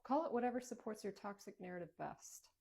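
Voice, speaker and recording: A woman's voice: mid-range voice, lively intonation, fast, creaky, warm tone. A woman acting in a comedy skit, firm and assertive, recorded in an echoey room. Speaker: teacher and comedy skit creator.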